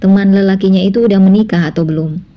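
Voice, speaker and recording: A woman's voice: medium pitch, quick pace, dull audio, voice pushed up, close to an everyday voice. A woman voicing a scheming middle-aged mother who coaxes and insinuates in a spoken drama story. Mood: insinuating.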